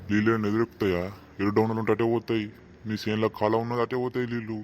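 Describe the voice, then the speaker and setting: A man's voice: fairly low pitch, flat delivery, very fast, music in the background. A man voicing an exasperated village elder in a cartoon, scolding as he judges a dispute. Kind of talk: cartoon voice acting. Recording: dull lo-fi sound with faint noise.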